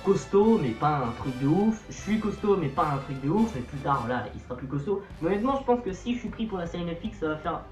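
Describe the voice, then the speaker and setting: A man's voice: on the high side, big pitch swings, quick pace, few pauses, a little mellow, soft background music. Chatty young man in an echoey room. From Portuguese-Brazilian family background. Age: young adult. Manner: chatty, playful self-mocking irony. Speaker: youtuber. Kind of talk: casual vlog to camera.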